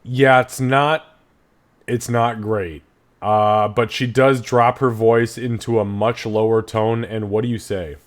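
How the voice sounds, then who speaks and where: A man's voice: fairly low pitch, fairly even intonation, slow pace. A man acting as game master, casually narrating and refereeing a tabletop role-playing game.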